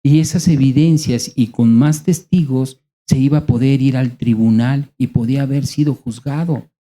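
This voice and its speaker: A male preacher with a Mexican accent and a very dark, mellow voice. He teaches in a conversational way, asking his listeners questions and pausing for effect. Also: medium pitch. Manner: conversational, rhetorical questions, dramatic pauses. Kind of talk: sermon.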